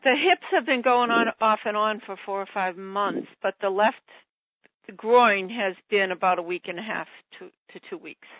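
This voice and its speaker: A woman's voice: medium pitch, moderate pace, dry recording. Giggly older woman calling in by phone. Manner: excited, giggly, rambling. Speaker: caller. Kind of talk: call-in radio chat. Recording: muffled phone line, dry.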